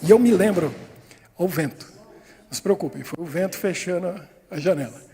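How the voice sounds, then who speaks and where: A man's voice: high-pitched, brisk, warm tone, in a large hall. A man in his fifties with a Brazilian Portuguese accent, a pastor telling a personal story in a sermon, acting out voices and laughing often. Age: 50s. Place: church hall.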